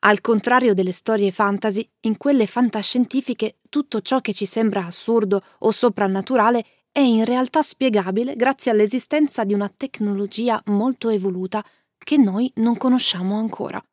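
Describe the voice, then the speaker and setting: A woman narrating and summarising a story with clear, lively storytelling and asides to the listener. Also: on the high side, normal speed, dry recording, clean studio sound.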